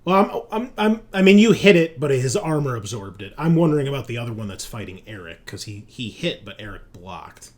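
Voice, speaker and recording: A man casually runs a tabletop roleplaying game as game master over an online group call, using a home mic that picks up clear background noise. His mid-range voice is sing-song and a little mellow, moving a little fast with hardly any pauses.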